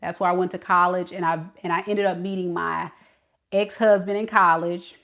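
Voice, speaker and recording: A woman's voice: fairly low pitch, steady tone, normal speed, a bit bright. A woman from California whose speech carries some Mississippi dialect, chatting casually with her live-stream viewers and laughing often. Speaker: tarot reader reading live chat.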